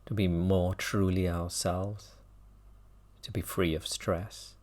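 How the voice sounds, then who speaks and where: This mindfulness teacher guides a meditation in a gentle way, with long gaps between his phrases. He speaks low-pitched, in a level tone.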